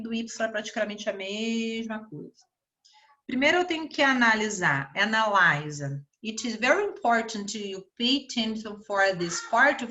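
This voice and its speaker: Slow, bright-voiced Brazilian teacher woman. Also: fairly high pitch. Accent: Brazilian Portuguese. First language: Portuguese. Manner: explains slowly, repeats words and asks "né?". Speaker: English teacher. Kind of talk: online grammar lesson.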